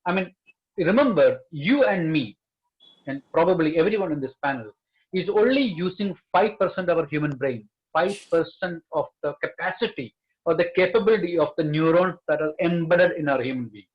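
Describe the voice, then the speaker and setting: A man's voice: fairly high pitch, lively intonation, moderate pace. Emphatic man on a lo-fi line. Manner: earnest, emphatic, repeats key words. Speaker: panelist. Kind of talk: panel discussion.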